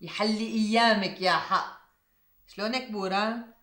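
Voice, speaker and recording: An actress playing a sharp-tongued gossiping hostess with a Damascene accent, taunting and biting. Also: female voice, mid-range voice, fairly even intonation, moderate pace, roomy sound, lightly acted. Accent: Damascene Arabic. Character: sharp-tongued gossiping woman, provocative and mocking. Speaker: hostess of a women's gathering. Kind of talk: TV drama acting.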